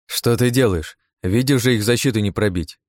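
A man's voice: fairly low pitch, moderate pace, dry recording, clean studio sound, natural voice. A man voicing a tough, cocky young woman captain in an audiobook, giving clipped commands. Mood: urgent.

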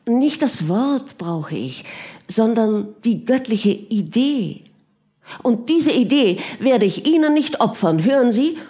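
An earnest, dreamy young woman speaks with intense feeling in an audiobook, as the woman reader gives her voice. She presses her questions hard. The delivery stays slow and deliberate. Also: on the high side, expressive, mellow, husky, voice pushed up, heavily acted. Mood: heated. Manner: pleading, intense.

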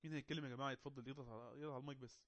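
A man with an Egyptian Arabic accent running an online English class, coaxing and teasing quiet students to speak up. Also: mid-range voice, steady tone, rapid-fire. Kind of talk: casual online class moderation.

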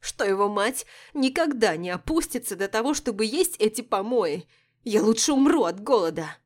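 A woman voicing a haughty, capricious, sickly old empress who bursts out loudly and scornfully. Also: on the low side, animated, normal speed. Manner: loud, scornful outbursts.

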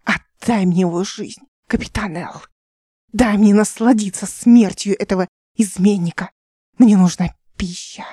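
A scheming male overlord from an audiobook taunts in a low, hissing half-whisper, as a woman reads him. The tone stays mellow and the recording is close and dry. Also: a little slow, husky, dry recording. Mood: menacing.

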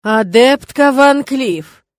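A woman reading the part of a stern, commanding male dragon who is an academy rector, speaking slowly and with menace. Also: mid-range voice, darkish tone, dry recording, studio quality, lightly acted. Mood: menacing. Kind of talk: audiobook character reading.

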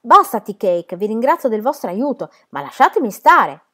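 A woman's voice: very animated, normal speed, a bit bright. A woman reading a novel aloud, voicing an indignant diner owner who scolds her husband. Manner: scolding, shrill.

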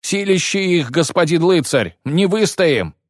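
Man doing panicky fleeing soldiers, wailing, high strained voice. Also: expressive, measured pace, dry recording, studio quality. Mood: panicked.

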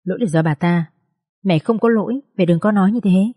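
A wounded young adult daughter in a spoken storybook, sobbing as she pleads with her mother, voiced by a woman narrator. Her voice is mellow and warm, recorded close and dry. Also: medium pitch, brisk, husky, no room sound, close to an everyday voice. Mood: pleading.

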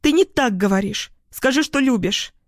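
A man voicing a volatile, clingy young woman in an audiobook, given to shrill screaming outbursts. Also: measured pace, no echo, clean studio sound. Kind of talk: audiobook character voice.

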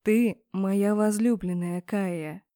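A woman voicing a brooding, possessive male mage rector who murmurs slowly and huskily. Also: mid-range voice, steady tone, dry recording, clean studio sound, natural voice. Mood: hushed, possessive. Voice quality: husky. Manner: slow hushed murmur.

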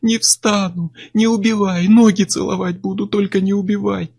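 A man's voice: lively intonation, a little slow. A man doing a wailing, panicked young thug. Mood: sobbing, pleading. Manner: pleading, wailing, high-pitched.

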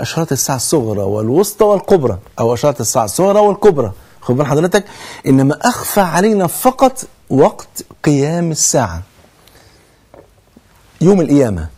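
Preaching with an Egyptian accent, a man with a fairly high, warm, husky voice delivers an earnest religious sermon. He swears oaths for emphasis and raises rhetorical questions only to answer them himself.

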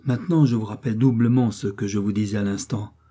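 A man reading the part of a rich, kind-hearted gentleman who speaks in an earnest, courteous way. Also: on the low side, steady tone, fast talker, slightly rough.

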